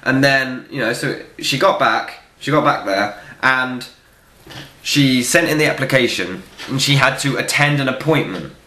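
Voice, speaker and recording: A young man runs a casual viewer Q&A vlog, talking bluntly and swearing freely. His voice has a bright, forward edge, and the room around him rings with echo. He speaks at a middling pitch into a camera mic. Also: a little slow. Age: young adult. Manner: blunt, profane, joking. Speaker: film reviewer vlogger. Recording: echoey room.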